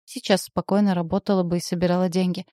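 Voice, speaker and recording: A woman reading a first-person novel aloud in a steady, emotive way. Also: on the low side, quick pace, no room sound, clean studio sound. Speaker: audiobook narrator. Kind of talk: scripted narration.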